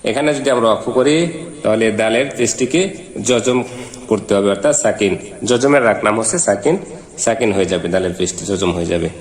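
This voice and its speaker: A man teaching Quran reading. He spells out letters and vowel marks one at a time, then chants each verse in slow, drawn-out syllables. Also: lowish voice, roomy sound. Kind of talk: step-by-step recitation lesson.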